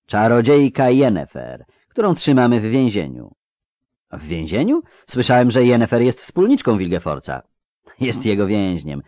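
A man's voice: on the low side, wildly swooping pitch, moderate pace, a little mellow, dry recording. A man voicing a persuasive scheming conspirator. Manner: persuasive, rousing. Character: scheming male conspirator stirring plotters.

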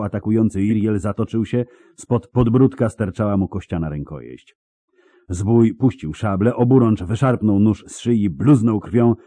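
Male narrator, very low voice, dark tone, dramatic reading, animated pitch. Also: no room sound. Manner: vivid, dramatic storytelling. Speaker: audiobook narrator. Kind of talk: scripted narration.

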